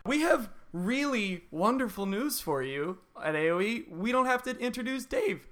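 A man's voice: high voice, expressive, moderate pace, fairly bright tone. Joking man hosting a podcast. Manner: joking, wry. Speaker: podcast host. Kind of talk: casual chat. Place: apartment with dimmed lights.

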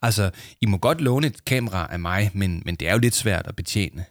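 A man's voice: deep voice, dry recording, clean studio sound. A man reading a storybook aloud, voicing an easygoing, reassuring father. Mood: calm. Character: calm, patient middle-aged father.

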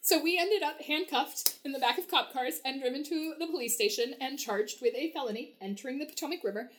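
A woman's voice: high voice, brisk, fairly bright tone. A young woman telling a story as a podcast guest, chatty, with many fillers and frequent laughs. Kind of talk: casual storytelling.

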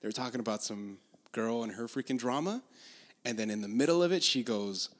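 A man's voice: medium pitch, brisk. Laid-back profane man telling stories. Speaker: podcast co-host. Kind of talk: casual chat.

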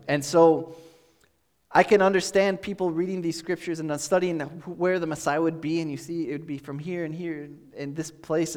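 In a church sanctuary with long hall reverb, a pastor with a slightly high voice gives a relaxed, conversational sermon. He explains as he goes, pausing as he thinks aloud.

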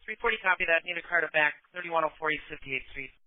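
A male police dispatcher heard over a police radio, steady as he reads back addresses and codes. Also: fairly high pitch, fast, soft background music. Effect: police radio transmission. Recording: tinny radio line.

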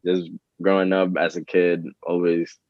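A young man with a very low, deep voice talks in a relaxed, rambling way, full of fillers and restarts. The sound is dry and a little dull, like lo-fi remote audio. He is a rapper guest in a casual interview. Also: unhurried, no echo. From Dominican Republic. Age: young adult.

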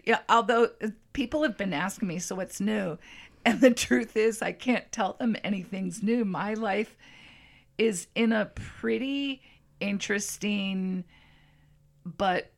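A middle-aged woman co-hosting a casual chat show, who talks thoughtfully and pauses to search for words. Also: medium pitch, vocal fry. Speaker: co-host.

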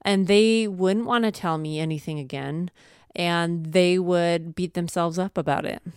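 A woman's voice: lowish voice, steady tone, a little slow, clear, resonant tone, no room sound, studio quality. A middle-aged woman co-hosting a podcast, chatty and playful, laughing often as she talks. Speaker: podcast co-host. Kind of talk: casual chat.

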